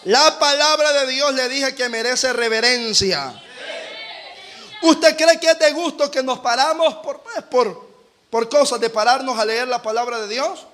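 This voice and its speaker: A male pastor preaching a sermon to his church, acting out everyday scenes and building to shouted peaks. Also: extremely high pitch, a little slow, a faint crowd.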